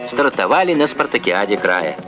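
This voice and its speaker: A man's voice: fairly low pitch, very animated, normal speed, over loud music. Upbeat man narrating an old newsreel. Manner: upbeat, declamatory announcer delivery. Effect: old newsreel soundtrack. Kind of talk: 1980s Soviet documentary newsreel narration.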